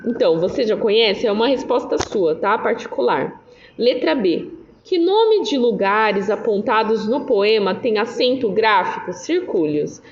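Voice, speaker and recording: A woman's voice: mid-range voice, a little hiss or hum. Brazilian woman teaching in a roomy echo. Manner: patient, checks in with frequent "tá?" and "né?". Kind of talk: remote Portuguese lesson explaining exercises. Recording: dull roomy recording with faint ambience.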